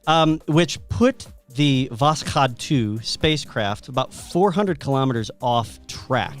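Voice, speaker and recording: A man co-hosting a casual podcast, telling facts as animated stories. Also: medium pitch, slow pace, soft background music. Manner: animated storyteller, reads out facts. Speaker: podcast co-host.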